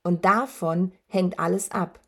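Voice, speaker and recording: In a full character voice, a woman with a lowish, somewhat bright tone and measured pace portrays a huge male werewolf who is dying. He gloats and taunts menacingly in a rattling, rasping voice, his breath wheezing and labored.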